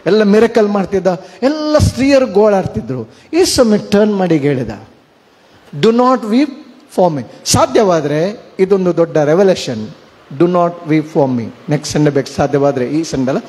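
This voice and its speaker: A man preaches a sermon, his voice sitting high for a man. He drops English words into his talk and keeps putting questions to the listeners. A long reverb trails his words. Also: dark tone. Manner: mixes English words, asks the congregation questions. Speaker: pastor.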